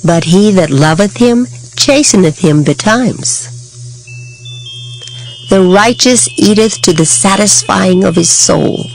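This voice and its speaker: A reader giving a dramatized scripture reading with expressive, measured declamation. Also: mid-range voice, vocal fry, low-quality recording. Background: background music.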